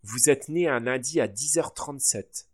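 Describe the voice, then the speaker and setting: A man's voice: moderate pace, husky, close to an everyday voice. Man doing a pompous, thundering school director. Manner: pompous, booming.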